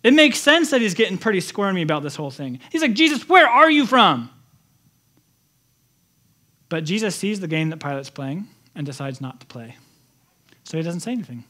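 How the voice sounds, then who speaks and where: A man preaching a sermon as pastor, telling the story with animated, conversational energy. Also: fairly high pitch, fast. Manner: animated storytelling, acts out quotes in lively voices.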